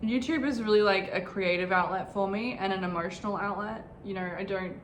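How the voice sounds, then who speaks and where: A woman's voice: medium pitch, fairly quick, reverberant, slight background noise. A woman in her twenties talking candidly and reflectively in a casual personal vlog, filmed in her bedroom at home. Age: 20s. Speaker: vlogger.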